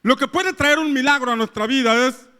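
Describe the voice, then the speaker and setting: High bright-voiced male pastor preaching. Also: a little fast, clear, resonant tone. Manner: repetitive, rising rhetorical questions, acting out quoted voices. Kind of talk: sermon.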